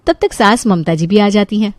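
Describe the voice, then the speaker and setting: A woman narrating a children's cartoon story in a lively, playful manner. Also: medium pitch, moderate pace, dry recording.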